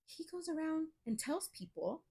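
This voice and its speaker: A young woman co-hosting a podcast, telling a story in casual chat, animated and profane, often laughing. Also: high-pitched, normal speed, gravelly. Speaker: podcast co-host.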